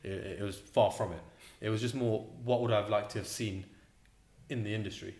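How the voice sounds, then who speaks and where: A restaurant co-owner, appearing as a guest, answers interview questions in a casual, hesitant way, repeating words and saying "um" often. His voice is fairly low and a little mellow, with a steady tone and a brisk pace. The recording has a roomy echo.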